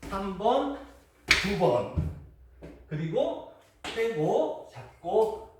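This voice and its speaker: A man with a high, very animated voice talks extremely slowly as he casually explains and acts out the steps of a traditional Korean game, exclaiming often as he moves. He is the host, giving chatty step-by-step instructions in an unedited, casual demonstration. The camera audio is distant and echoey, with faint noise.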